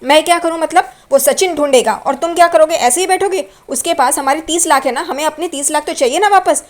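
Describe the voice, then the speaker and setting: A woman voicing an angry young wife who shouts reproaches at her husband. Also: sits high, fast, close to an everyday voice. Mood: angry scolding.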